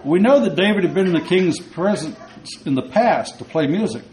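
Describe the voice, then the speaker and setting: A man's voice: high-pitched, expressive, normal speed, darkish tone, a little hiss or hum, poor audio. A male preacher giving a sermon, retelling a story conversationally with rhetorical questions.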